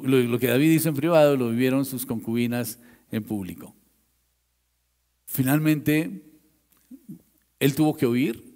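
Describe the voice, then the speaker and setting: Gravelly pastor preaching a dramatic sermon. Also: male voice, mid-range voice, long reverb tail. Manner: dramatic storytelling, swinging from loud to hushed.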